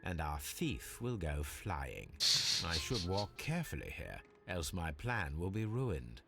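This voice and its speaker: Deep-voiced, calculating Sherlock Holmes. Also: male voice, big pitch swings, gravelly, over music, heavily acted. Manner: measured, precise, formal. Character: calculating, self-assured gentleman detective. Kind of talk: video game voice acting.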